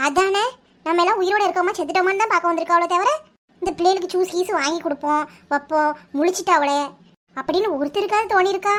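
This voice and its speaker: A woman's voice: very high voice, fast, a bit bright. A woman voicing Geetha akka, a blunt, chatty cartoon village woman with a Kanyakumari Tamil accent. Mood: grumbling. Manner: blunt, scolding, dialect-heavy. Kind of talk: cartoon voice acting.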